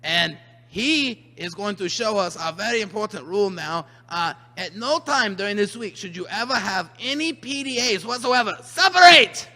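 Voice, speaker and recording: A man's voice: high voice, expressive, moderate pace, bright, forceful tone. A man presenting to children in a comic rules announcement, mock-earnest, emphatic and repetitive. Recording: long hall reverb.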